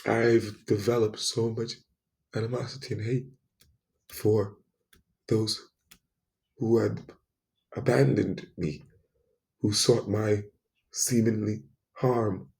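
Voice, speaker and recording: A man delivering an intense, emphatic spoken monologue, repeating phrases and swinging between loud outbursts and soft asides. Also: fairly low pitch, flat delivery, slow, gravelly, long pauses.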